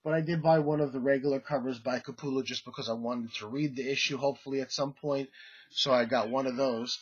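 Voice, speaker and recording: In a laid-back haul video, a congested man shows off comics he picked up, rambling with lots of fillers and restarts as he collects himself. His mid-range voice keeps fairly even intonation and a brisk pace. The sound is lo-fi, with a little hiss or hum.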